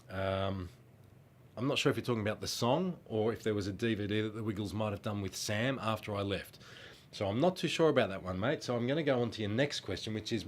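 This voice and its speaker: Answering fan questions, a middle-aged Australian man who used to sing in a children's band speaks in a lowish voice over a faint hiss or hum. A cold has blocked his nose, and he chats casually and warmly, rambling with frequent ums.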